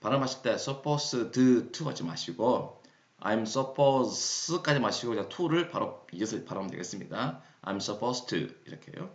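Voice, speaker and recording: A Korean man teaching English phrases, reading each example sentence slowly and deliberately. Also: mid-range voice, lively intonation. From South Korea. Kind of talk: explaining English phrases in a lesson. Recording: roomy, dull lo-fi sound.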